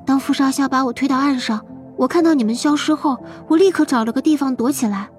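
A man voicing a clever, guarded young girl in an audiobook, in a soft, earnest and polite manner. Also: fast talker, faint music behind. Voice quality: high, thin girlish voice. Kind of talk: audiobook character voice.

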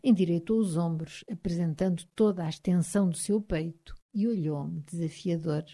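A woman with a European Portuguese accent narrating a novel in measured tones, sometimes dropping to a hush. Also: fairly low pitch. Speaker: audiobook narrator.

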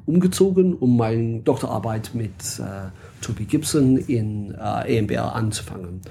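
A man's voice: medium pitch, expressive, moderate pace, vocal fry, dark tone, slight background noise. A man from England with an English accent, a guest in a casual interview, speaking hesitantly with many fillers and searching for words.

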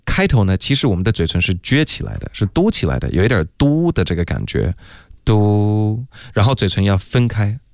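This radio lesson on English pronunciation features a man whose voice is on the low side, very animated and quick, with barely any pauses. He still explains patiently, step by step, dropping in "OK" and "嗯" again and again. The sound is dry and studio-clean.

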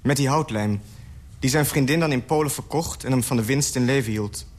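A man from the Netherlands reads a literary story aloud for radio. He keeps it calm and understated, with a voice of ordinary middle pitch. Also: a little fast. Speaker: narrator reading a story.

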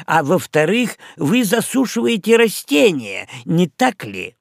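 A bossy ship's navigator with a voice pitched well above a plain speaking voice, as a man puts him on for a storybook. He talks in a lively, lecturing way, swinging his pitch widely. The sound is close and dry. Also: a little slow, gravelly, no echo, full character voice.

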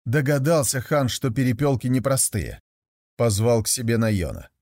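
A man narrating a folk tale in a measured storytelling manner. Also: medium pitch, lively intonation, a little mellow, no room sound, clean studio sound.

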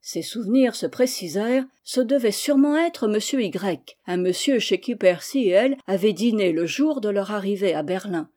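A woman narrating a humorous novel aloud, with steady, even storytelling. Her voice is mellow and warm, at a middle pitch. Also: normal speed, few pauses. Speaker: audiobook reader.

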